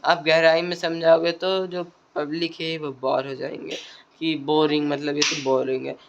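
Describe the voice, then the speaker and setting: A man's voice: a little high, little pitch movement, normal speed, vocal fry, dull audio. A man giving casual spoken tips on public speaking, often repeating phrases and adding tag questions and fillers.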